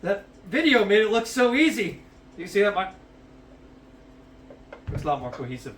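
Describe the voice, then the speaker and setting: A man's voice: high-pitched, big pitch swings, moderate pace, a bit bright, distant mic. A man hosting a casual cooking vlog on a headset, swearing freely and rambling with lots of fillers. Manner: profane and rambling, with many fillers. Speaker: cooking show host. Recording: roomy, off-mic, music underneath.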